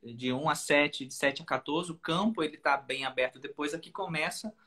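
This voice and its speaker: A woman hosting a live stream, calmly explaining in casual chat. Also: low-pitched, normal speed.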